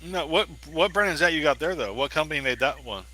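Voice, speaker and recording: An easygoing man chats with friends and laughs readily. His voice is very bright and swings lively in pitch, sitting a little high. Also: fast, poor audio. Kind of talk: casual chat.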